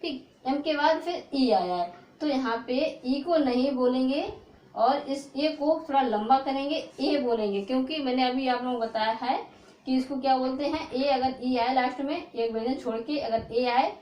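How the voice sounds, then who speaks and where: Female teacher, high pitch, patient drill-style explaining with lots of repetition, recorded in a reverberant room. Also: darkish tone. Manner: repetitive, slowly sounds out letters, keeps checking with "ठीक है". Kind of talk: explaining English spelling rules to students. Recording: echoey room.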